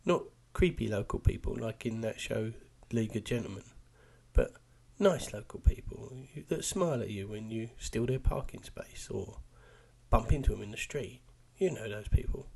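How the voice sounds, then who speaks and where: A man with a husky voice presenting a local podcast in a chatty, wry way with joking asides. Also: medium pitch, a little mellow. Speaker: podcast host.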